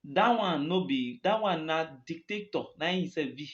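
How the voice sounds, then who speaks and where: A man's voice: on the high side, expressive, moderate pace. A man with a Nigerian accent speaking Nigerian Pidgin in an impassioned, emphatic political monologue, repeating phrases for stress. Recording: dull, lo-fi recording.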